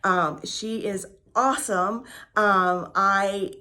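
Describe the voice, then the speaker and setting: Speaking very slowly in a mid-range voice that sounds pushed and bright, with fairly even intonation, a woman in her 50s recounts her recovery. As a vlogger offering casual personal testimony, she's open and talkative, often saying um and repeating words.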